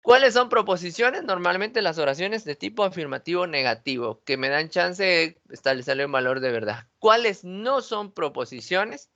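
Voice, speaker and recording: Brief: male teacher with a bright, fairly high voice, asking his class questions over a video call. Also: lively intonation, moderate pace, hardly any pauses, highs cut off. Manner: asks students questions, then answers them. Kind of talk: online logic class lecture.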